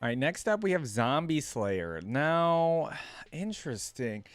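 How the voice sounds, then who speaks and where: A man hosting a gaming reaction channel gives casual commentary, chatting and thinking aloud as he goes. His fairly high voice swings widely in pitch at a slow pace, and the recording is dry.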